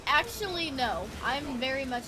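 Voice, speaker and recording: A woman's voice: sits high, big pitch swings, normal speed, background noise. A woman streamer in casual, playful gaming chat, chatty and giggly.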